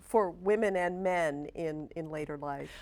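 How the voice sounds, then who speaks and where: A woman's voice: low voice, unhurried, darkish tone. A woman interviewer asking brief, prompting questions.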